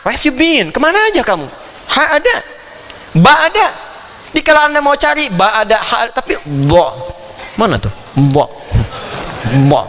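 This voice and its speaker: A man delivers a Quran commentary lecture with a high, lively voice that climbs and dips constantly. His tone is bright and forceful, and he breaks into playful imitations of foreign phrases. The sound carries the long reverb of a large hall. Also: a little hiss or hum. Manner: animated, playful asides, mimics foreign phrases. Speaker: Islamic preacher.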